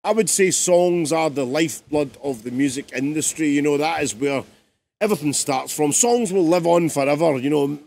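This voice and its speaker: A man's voice: a little high, moderate pace, vocal fry, darkish tone. A man, a music producer, talks casually through his song in a live-streamed production tutorial, chatty and rambling.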